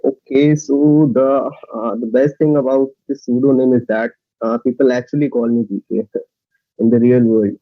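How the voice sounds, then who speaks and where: A man's voice: mid-range voice, steady tone, normal speed, no room sound. Guy contestant on a video call, hesitant, lots of uhs, muffled dry sound. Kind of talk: casual self-introduction. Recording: dull dry lo-fi call audio.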